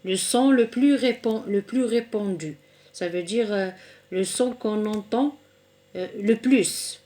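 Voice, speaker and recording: A woman teaching a recorded reading lesson for children, saying each word slowly, splitting it into syllables and repeating it patiently. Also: mid-range voice, dark tone. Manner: slow and deliberate, splitting words into syllables.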